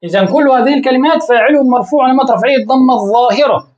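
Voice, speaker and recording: A woman teaching an Arabic grammar lesson, often pausing to quiz her listeners with rhetorical questions and repeating words while she searches for the next one. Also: high-pitched, a little mellow, highs cut off. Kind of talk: classroom-style grammar lesson.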